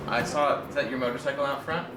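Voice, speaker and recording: A man hosting a vlog, presenting in an upbeat, energetic way. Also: medium pitch, fast, loud music behind the voice. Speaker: vlog host.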